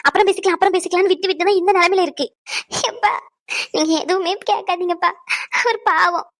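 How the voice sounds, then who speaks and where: A woman's voice: extremely high pitch, fairly even intonation, fast, a bit bright. A woman voicing an indignant middle-aged cartoon mother who complains in a scornful way. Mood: bitter.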